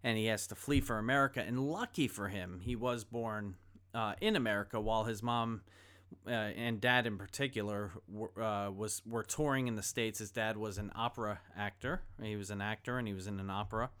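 A man's voice: fairly low pitch, fairly even intonation, fairly quick, fairly bright tone, clear, resonant tone. A man preaching a sermon, reading scripture and then retelling a film scene in a conversational way. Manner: conversational storytelling, acts out quoted dialogue. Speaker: pastor.

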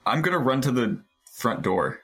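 A man's voice: mid-range voice, sing-song, moderate pace, fairly bright tone, faint music behind. A man playing a character in a tabletop game, eager and playful as he talks through his moves. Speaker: player. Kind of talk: casual game talk.

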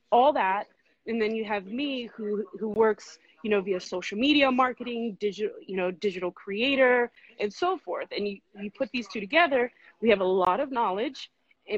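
A woman guest talking casually in an interview, relaxed and chatty with plenty of fillers. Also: mid-range voice, slightly rough, highs cut off. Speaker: podcast co-host and guest.

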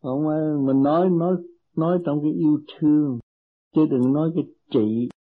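A man, a meditation teacher counseling a disciple, gentle and teasing, speaking in short maxims. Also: a little high, moderate pace. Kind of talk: spiritual counseling. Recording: tinny lo-fi tape.

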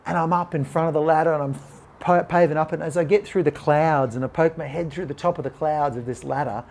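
This Australian podcast guest has a rather high, creaky voice and speaks quickly. He's animated as he recounts something that happened to him, doing impressions of the people he quotes.

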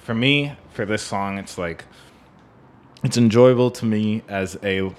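Talking music in a laid-back way, this male co-host wanders from point to point and keeps seeking agreement with "right?". He speaks at a measured pace in a fairly low voice.

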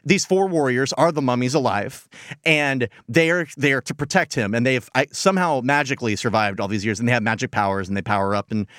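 A man's voice: medium pitch, fairly quick, a bit bright, no room sound, studio quality. An American man co-hosting a podcast, giving a casual comedic recap in a rambling, incredulous manner. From United States. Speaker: podcast co-host.

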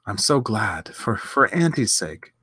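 A man voicing an excited, joyful young woman who talks in breathless exclamations, in a storybook reading. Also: on the low side, a little slow, husky, dry recording, clean studio sound, full character voice. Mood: eager.

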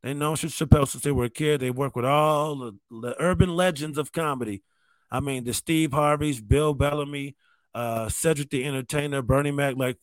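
A man's voice: on the high side, no echo. A male stand-up comedian telling stories in a loose, conversational way, often saying "man" and "like". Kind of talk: casual storytelling monologue.

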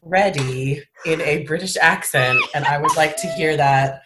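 A woman's voice: low voice, a little slow, noisy background. A woman co-hosting a casual chat show, giggly and easily flustered. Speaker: podcast co-host. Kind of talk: casual chat, game quiz.

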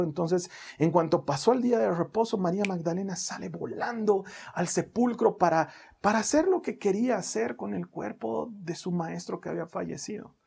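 A man preaching a sermon in a gentle, conversational way, speaking straight to the listener. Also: fairly high pitch, vocal fry, breathy edge.

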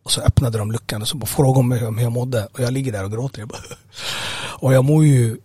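A man with a husky, breathy voice tells his personal story to an interviewer. His speech is halting and full of fillers and repeated words. The sound is dry and close, with no room around it. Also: mid-range voice, fairly even intonation, a little mellow, dry recording. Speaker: interview guest. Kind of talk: personal testimony, conversational.

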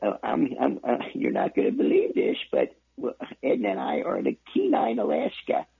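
A man's voice: medium pitch, huge pitch swings, moderate pace, creaky, breathy edge. An older man calling into a radio show, joking and rambling in a folksy way. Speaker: caller. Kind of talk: joking phone call. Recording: tinny phone line.

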